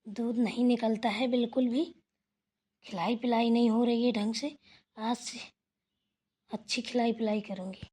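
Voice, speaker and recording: A woman voicing a bossy, sharp-tongued older village mother-in-law in a cartoon, talking in a loud, scolding way. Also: on the high side, steady tone, unhurried, pauses often, breathy edge. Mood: muttering. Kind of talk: cartoon voice acting.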